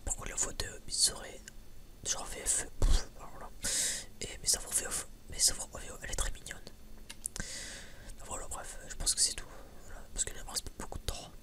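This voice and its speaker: At a moderate pace, an ASMR creator chats to viewers in a breathy, unvoiced whisper, her talk informal, hesitant, and meandering.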